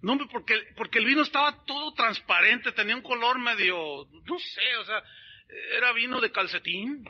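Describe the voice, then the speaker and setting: A male pastor with a high, very bright voice and a husky edge, preaching with animated storytelling. He keeps turning to his listeners as brothers. The sound is dull and lo-fi, like an old radio broadcast. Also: normal speed. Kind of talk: sermon.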